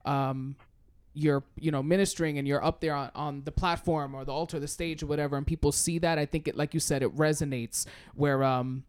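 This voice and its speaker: Smooth-voiced man hosting, filler-heavy. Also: fairly high pitch, steady tone, brisk. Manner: lots of "you know" fillers, easygoing. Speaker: podcast host. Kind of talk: casual interview chat.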